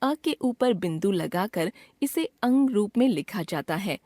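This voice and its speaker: A woman's voice: medium pitch, animated, mellow, dry recording, clean studio sound. A woman reading out a scripted grammar lesson as a teacher, carefully drawing out each sound she names. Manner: slow, careful, drawn-out enunciation of sounds.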